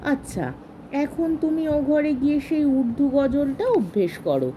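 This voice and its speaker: A woman's voice: sits high, animated, measured pace, warm tone, slight background noise, rough recording. A woman reading a story aloud and voicing a strict, haughty woman who lectures on manners in a scolding way.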